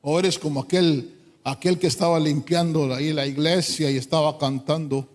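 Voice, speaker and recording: A man preaching a sermon in church, fervent, swinging from quiet asides to loud pleading. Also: fairly high pitch, steady tone, normal speed. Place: church hall. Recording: long hall reverb.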